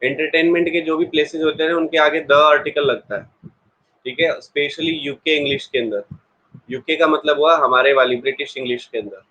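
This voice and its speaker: A man's voice: on the high side, steady tone, moderate pace, bright, forceful tone, poor audio. A man teaching an online exam-prep English class in a chatty way, explaining with everyday examples and talking straight to his students.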